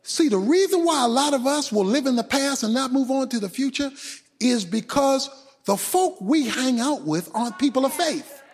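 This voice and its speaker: A male pastor preaching a sermon, dropping low and quiet and then rising to a shout. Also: animated, normal speed, husky. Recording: sermon in a reverberant hall.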